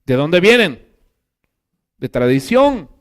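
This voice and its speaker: Male pastor, voice sits a bit high, fervent preaching with big swings from loud to quiet. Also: very animated, slow pace. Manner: emphatic preaching, swinging between loud exclamations and quiet asides; keeps addressing listeners as brother. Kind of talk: sermon.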